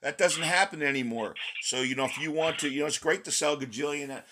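A man's voice: fairly high pitch, fast talker. A man hosting a podcast in casual interview chat, his voice scratchy from recent laryngitis, rambling with many restarts. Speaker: podcast host.

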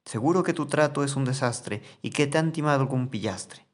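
A man's voice: mid-range voice, fairly quick, natural voice. A man voicing a naive, boastful young boy in a rhymed storybook.

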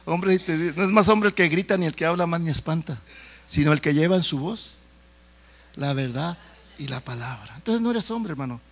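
Bright, high-voiced Spanish-speaking preacher. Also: male voice, lively intonation, a little fast. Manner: conversational, with asides and jokes to the congregation. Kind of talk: sermon.

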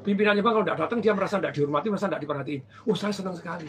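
A high-voiced man recounts his days running a bank branch, rattling along at a quick clip. He slips into the voices of the people he describes, keeping the chat animated. Faint background hum sits under his voice. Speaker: former bank branch manager. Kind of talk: storytelling in casual conversation.

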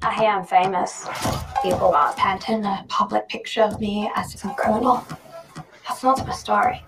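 A haughty young fake heiress, voiced by an actress, speaks with a hard-to-place put-on European accent and a gravelly rasp. The lines sit back from the mic in trailer audio. Loud music plays underneath. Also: female voice, medium pitch, steady tone, moderate pace, natural voice. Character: young woman posing as rich heiress, haughty. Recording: film trailer audio over music, distant.

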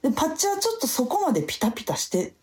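Young kansai woman, podcast co-host, casual chat, dark mellow tone, animated pitch. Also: racing. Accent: Kansai Japanese. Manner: animated, acts out quoted speech.

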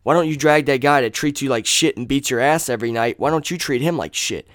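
A man's voice: medium pitch, fast talker, no room sound, clean studio sound. Man, casual vlog rant, heated and blunt, constant swearing, repeats himself, resonant voice. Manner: repeats phrases for emphasis. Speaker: vlogger.

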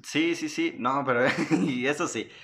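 A man's voice: a little high, measured pace, a bit bright. A man co-hosting a podcast in casual chat, laughing often and restarting while he explains. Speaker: podcast co-host.

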